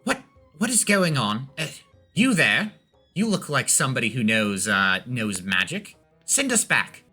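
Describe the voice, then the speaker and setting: A man's voice: medium pitch, sing-song, normal speed, sharp tone, soft background music. A man voicing a bossy, impatient merchant woman in a tabletop game, curt and demanding.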